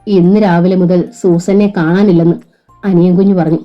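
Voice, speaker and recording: A woman's voice: fairly low pitch, fairly even intonation, normal speed, muffled recording, soft background music, natural voice. A woman reading the part of a worried male friend explaining what happened. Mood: earnest. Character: worried male auto-driver friend recounting news.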